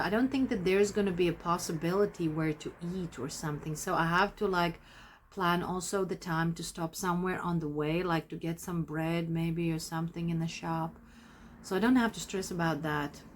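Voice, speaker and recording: A crochet vlogger from Latvia, whose first language is Latvian, chats casually to the camera in a fairly low-pitched voice at a moderate pace. She's chatty and rambling, often interrupting herself, and there is slight background noise.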